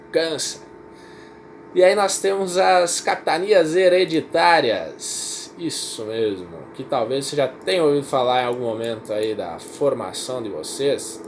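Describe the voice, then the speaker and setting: Against a noisy background, a Brazilian man speaks in a mid-range voice while teaching history. His delivery is casual and repetitive, peppered with check-ins like "certo?" and "tá?", in a Brazilian Portuguese accent during an informal recorded class.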